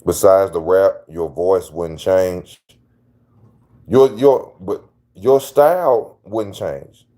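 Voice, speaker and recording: A channel host offers casual opinion commentary, slangy and emphatic, hammering his points home by repeating them. He has a deep, dark voice and speaks slowly.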